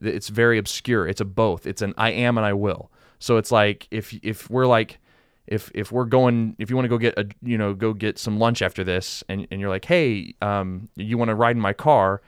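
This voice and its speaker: A man's voice: on the low side, fairly even intonation, brisk, smooth, dry recording, studio quality. A man co-hosting a podcast, chatting casually through a Bible passage, thinking aloud and explaining with everyday examples. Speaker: podcast co-host. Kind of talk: casual Bible study chat.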